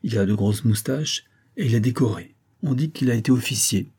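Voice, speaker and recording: A man's voice: mid-range voice, fairly quick, mellow, slightly rough, natural voice. A man voicing a cheeky, curious young apprentice printer who chatters and gossips in an audiobook reading. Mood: gossiping.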